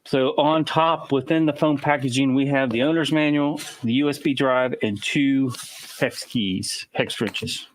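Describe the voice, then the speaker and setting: A man's voice: mid-range voice, measured pace. A man hosting a live-stream unboxing, narrating each step as he works and getting a little out of breath. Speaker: host unboxing a laser engraver.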